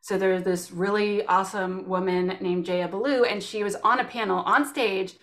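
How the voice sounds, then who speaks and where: Canadian woman telling animated stories. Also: medium pitch, normal speed. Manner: animated storytelling, acts out quotes. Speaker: guest. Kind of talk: casual interview chat.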